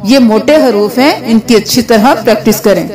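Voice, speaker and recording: A woman teaching a slow Quran reading lesson, explaining each letter patiently and drawing out the letter sounds for learners to repeat. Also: a little high, a crowd in the background. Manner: patient step-by-step instruction.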